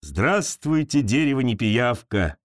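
A man voicing a naive, lonely swamp creature with big paws, talking slowly and with wonder. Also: very animated, no echo, studio quality. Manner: slow, wondering, low-pitched.

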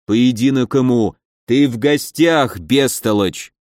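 A man voicing a scheming, stern older boyar in an audiobook, with a low gruff voice. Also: slow, darkish tone, no room sound, studio quality, natural voice.

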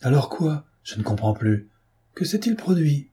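A man's voice: a little high, big pitch swings, normal speed, mellow, husky, voice pushed up, exaggerated voice. A man reading an audiobook, voicing an impatient, imperious emperor with a raised voice and demanding questions. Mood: commanding.

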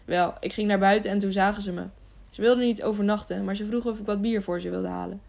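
A woman's voice: medium pitch, steady tone, fast, creaky, a little mellow, natural voice. A woman reading a sneaky young male servant with a whiny, yelping voice. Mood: evasive.

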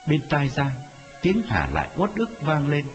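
A man narrating a dramatic story in a scripted, expressive telling. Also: on the high side, moderate pace. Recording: dull lo-fi audio with music. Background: music.

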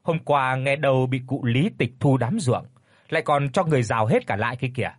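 Storybook figure: a man doing a fretful young peasant wife, husky and dry. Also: medium pitch, animated, brisk, no room sound, natural voice. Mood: worried.

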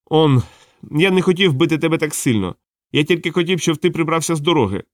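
A man's voice: on the high side, expressive, a little fast, no echo, studio quality, voice pushed up, natural voice. A man voicing a nervous young male killer who stammers out apologies. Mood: apologetic.

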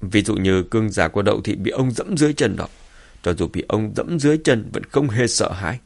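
Storybook villain: cold, goading clan leader, read by a man, low and pushy. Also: animated, brisk, gravelly. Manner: taunting, urging.

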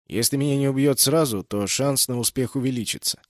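A man's voice: mid-range voice, fairly quick, dry recording, clean studio sound, lightly acted. A man voicing a wry, bold, teasing male spaceship captain in an audiobook. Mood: tense, gloomy. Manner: brash, teasing. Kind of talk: audiobook character voice.

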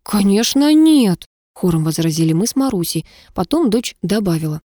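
A woman reading a first-person novel aloud as an audiobook narrator, telling the story in a wry, lively way. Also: on the low side, brisk, husky, dry recording, clean studio sound.

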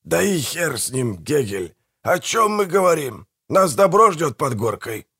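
A man doing a crude bearded brigand, pitched up. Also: sing-song, measured pace, fairly bright tone, husky, full character voice. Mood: gruff. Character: gruff bearded grave-robbing brother, lazy and crude.

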